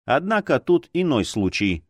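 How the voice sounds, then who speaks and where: A male narrator reads an audiobook with a lively, rising and falling delivery. His voice sits at an ordinary pitch, and the recording is close and dry with no room sound. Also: normal speed, no room sound.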